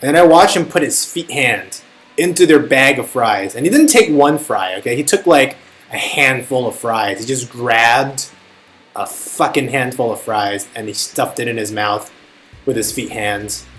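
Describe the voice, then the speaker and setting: A man's voice: medium pitch, a little slow, fairly bright tone, slight background noise. A young man chatting casually on a live stream, telling a rambling, profane story as a tutor. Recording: faint music behind. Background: faint music.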